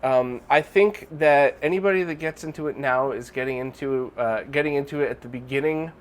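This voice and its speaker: A channel host hosts a casual viewer Q&A monologue, his medium-pitched voice moving fairly quickly. He sounds nasal and congested from a recent illness, rambling with plenty of fillers and restarts.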